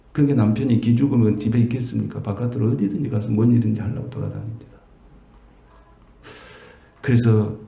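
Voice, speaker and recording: Middle-aged male pastor, gravelly mellow voice, chatty sermon delivery, echoey church room. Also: mid-range voice. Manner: conversational preaching, rhetorical questions to the congregation. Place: church sanctuary.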